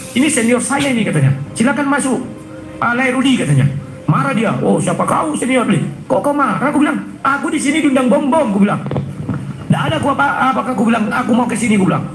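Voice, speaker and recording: Indignant man on a live stream, fast and gravelly, echoey with faint music. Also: extremely high pitch. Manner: angry, indignant, frequent throat clearing. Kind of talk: heated live-stream rant.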